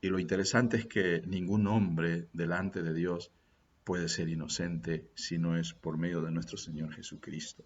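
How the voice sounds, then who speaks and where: Deep-voiced man preaching. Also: flat delivery, a little slow, muffled recording, slight background noise. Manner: earnest, often ends phrases with a questioning "¿no?". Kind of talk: Sunday sermon. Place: church.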